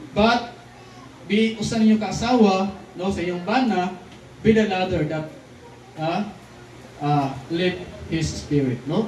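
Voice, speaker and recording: A man delivers a lively sermon, tossing "di ba?" and "no?" to his listeners as he moves between languages. His voice sits high for a man. He is heard from a distance in a roomy, echoing hall with a faint hiss of noise behind him. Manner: lively, keeps asking the crowd "di ba?" and "no?"; switches between Cebuano and English lines. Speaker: preacher. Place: church hall.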